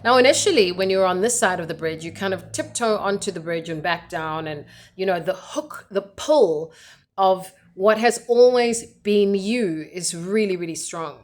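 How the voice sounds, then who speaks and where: A woman talks alone into a podcast mic in an earnest coaching manner. She leans hard on key words and checks in with the listener often. Her voice sits in an ordinary middle pitch. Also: moderate pace. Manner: earnest, emphatic, coaching tone with frequent "okay" check-ins. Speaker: podcast host. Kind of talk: solo podcast monologue.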